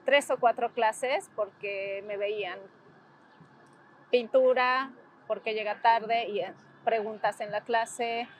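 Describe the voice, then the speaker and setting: A woman's voice: on the high side, steady tone, takes it slowly, slight background noise. A woman in her forties with a Mexican accent, recalling past events in a documentary interview, reflective and emotional, often ending phrases with tag questions. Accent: Mexican Spanish. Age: 40s. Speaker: interviewee, former student activist.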